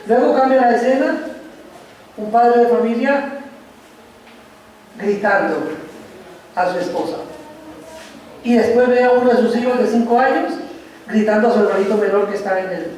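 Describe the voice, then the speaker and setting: A man preaches in a church, his voice pitched rather high. He speaks slowly and reflectively, pausing between phrases. The sound comes from across a heavily reverberant sanctuary, with faint room noise underneath. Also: a little mellow. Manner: slow, reflective preaching with pauses. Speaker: pastor. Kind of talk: sermon. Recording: echoey church hall from far off.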